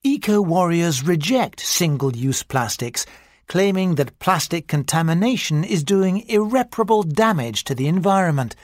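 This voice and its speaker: A narrator reading a mock-serious nature documentary script for a listening exercise, in a measured, scripted delivery. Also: mid-range voice, lively intonation, no room sound, clean studio sound.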